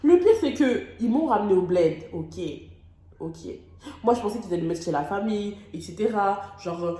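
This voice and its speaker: A woman's voice: mid-range voice, expressive, normal speed, dark tone. A young woman from France telling a personal story on her vlog, emotional and dramatic, with casual slang. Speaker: vlogger. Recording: echoey room.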